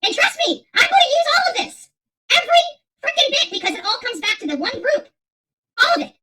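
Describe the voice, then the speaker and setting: Her very high voice swings widely in pitch, brisk, pushed and bright. She is a middle-aged woman hosting an unscripted livestream rant, reading viewer chat and answering it combatively and emphatically, repeating her phrases.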